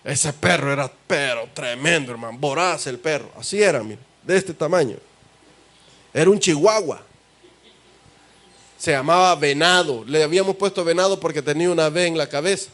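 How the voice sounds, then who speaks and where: A man with a Salvadoran accent preaching a sermon as pastor, talking conversationally and asking the congregation rhetorical questions. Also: high voice. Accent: Salvadoran Spanish. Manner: conversational, asks the congregation rhetorical questions and calls them brother.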